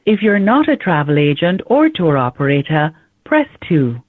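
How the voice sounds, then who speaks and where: A recorded phone menu message played down the line, the announcer's voice rising and falling in a lively, polished way. The sound is thin and tinny like a phone line, with no room echo. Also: medium pitch, normal speed. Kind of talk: automated greeting and menu prompts.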